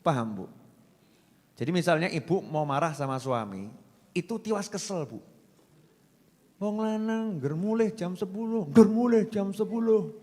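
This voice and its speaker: A man's voice: high-pitched, expressive, moderate pace, pauses often, mellow. A man preaching a folksy, joking sermon, often putting questions to his audience. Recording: long reverb from a hall.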